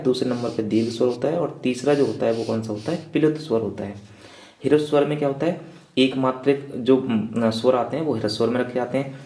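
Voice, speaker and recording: A male teacher runs through an exam revision lecture, firing rhetorical questions and checking in after each point. His voice is mellow and warm in tone. The sound bounces around an echoey room. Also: mid-range voice.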